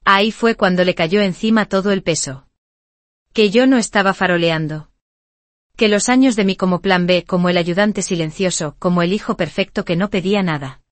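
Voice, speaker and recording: A woman narrating a first-person dramatic story in an even, steady storytelling manner. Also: fairly low pitch, moderate pace, no echo.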